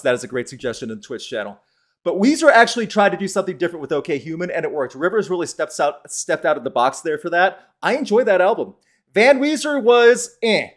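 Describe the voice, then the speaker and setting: Guy doing a live stream podcast, kinda high voice, chatty and opinionated. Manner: chatty, opinionated, quick asides to chat. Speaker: podcast host.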